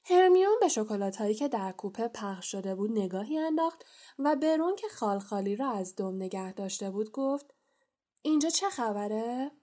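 Lady reading an audiobook, even storyteller voice, mid pitch. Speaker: audiobook narrator. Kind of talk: scripted narration.

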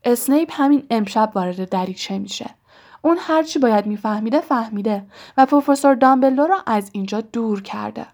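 A woman voicing a determined young schoolboy who speaks urgently and low in a storybook reading. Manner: urgent and hushed.

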